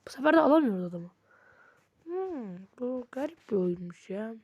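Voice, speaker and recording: A woman giving casual let's-play commentary, excitable, talking straight to her viewers and slipping into whispered asides. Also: fairly high pitch, moderate pace, no echo, highs cut off. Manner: excitable, often addresses viewers as "friends", drops into whispered asides. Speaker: gaming channel host.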